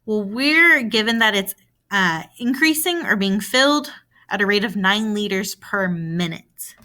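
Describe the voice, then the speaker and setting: A woman's voice: medium pitch, lively intonation, normal speed, bright, forceful tone. A woman, possibly a young adult, teaching a recorded math lesson, patiently walking through a problem by asking and answering her own questions.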